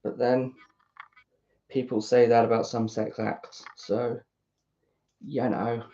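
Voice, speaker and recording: A British woman YouTuber builds a model kit while chatting casually to herself in a self-deprecating ramble. Her voice is bass-deep and warm, delivered flatly at a slow pace, and the recording sounds dull and lo-fi.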